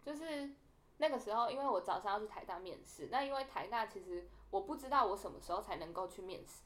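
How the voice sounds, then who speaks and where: A young woman tells a story on a casual podcast, talking quickly. She acts out the people she quotes with animated shifts in her voice, which sits in an ordinary middle register. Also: mid-range voice. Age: young adult. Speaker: podcast co-host.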